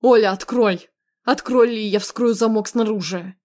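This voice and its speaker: A woman's voice: mid-range voice, normal speed, close to an everyday voice. Woman voicing a possessive, hot-tempered young man. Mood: angry pleading. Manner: loud, insistent, emotional. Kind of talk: audiobook dialogue reading.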